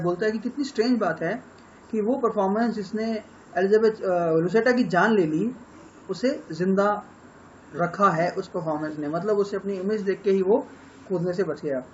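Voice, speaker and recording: Indian man lecturing, high-pitched voice. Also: normal speed, lo-fi sound, a little hiss or hum. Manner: explanatory, mixes Hindi and English, frequent fillers. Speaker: English literature teacher. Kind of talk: lecture summarizing a novel.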